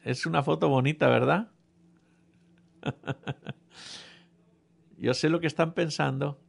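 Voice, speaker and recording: Guy preaching, funny story, bit higher voice with some gravel in it. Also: fairly even intonation, slow. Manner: humorous storytelling, addresses audience. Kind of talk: sermon with personal anecdote.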